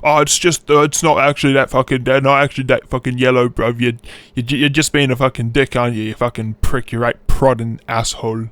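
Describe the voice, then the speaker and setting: A man's voice: medium pitch, fairly even intonation, a little fast, fairly bright tone, no echo, faint music behind, lightly acted. A man putting on a mock British accent to play a touchy, argumentative British man who fires back huffy, rambling retorts.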